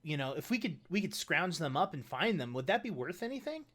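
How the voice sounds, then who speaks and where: A player in a live tabletop game, talking loosely with many pauses and fillers. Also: mid-range voice, big pitch swings, fairly bright tone. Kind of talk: casual role-play banter.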